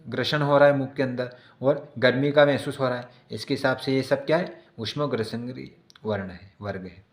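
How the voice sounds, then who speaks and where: Male teacher, mid-pitch, patient repeating style, checks in often; echoey room. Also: normal speed. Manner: explains by repeating definitions, checks in with "है ना". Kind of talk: exam prep lesson.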